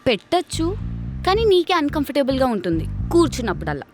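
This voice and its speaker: An actress playing a lazy, sarcastic office worker who answers everyone with wisecracks. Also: female voice, sits high, big pitch swings, fast, faint music behind. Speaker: office employee avoiding work. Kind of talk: web series acting.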